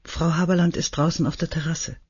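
A man voicing a small, kind-hearted older woman who talks softly and haltingly through tears, in an audiobook reading. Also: on the high side, level tone, slightly rough, dry recording, muffled recording, pitched above the performer's own voice. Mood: flustered. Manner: soft, halting, weepy.

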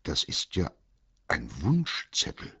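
A man's voice: deep voice, huge pitch swings, slow, creaky, pushed and bright, husky, no echo, lo-fi sound, exaggerated voice. A man voicing a timid male teddy bear who would rather stay home and tends to whine. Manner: hesitant, whiny.

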